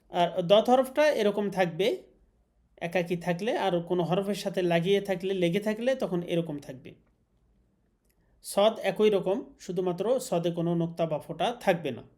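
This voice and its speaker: Brief: male Quran-reading teacher, Bangladeshi Bengali accent, high, soft tone, slow drawn-out letter drills. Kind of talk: online class lesson.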